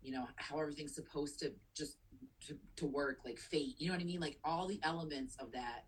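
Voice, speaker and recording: A woman with a low, husky voice chatting casually as a podcast co-host. She talks with open emotion and enthusiasm and swears casually. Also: fairly quick, low-quality recording. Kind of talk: casual movie chat.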